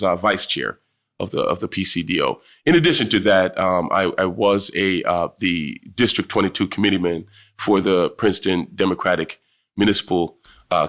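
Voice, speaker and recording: A man's voice: deep voice, fairly bright tone. A man in his forties from Jamaica, a town councilman chatting as a podcast guest, friendly, with many fillers and restarts. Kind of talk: casual podcast conversation. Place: office with law books.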